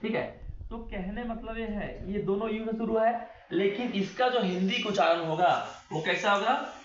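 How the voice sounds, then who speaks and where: In a high-pitched voice at a moderate pace, a man teaches grammar classroom-style, repeatedly raising rhetorical questions he then answers. He elongates words as he spells them out. The sound is dull and lo-fi, echoing in the room, with a little hiss or hum.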